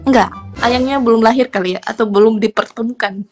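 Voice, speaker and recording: A woman's voice: on the high side, brisk, music in the background. A young woman, chatting casually over a video call. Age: young adult. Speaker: stranger on a video chat. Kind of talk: casual chat. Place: indoor room. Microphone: device mic on video call.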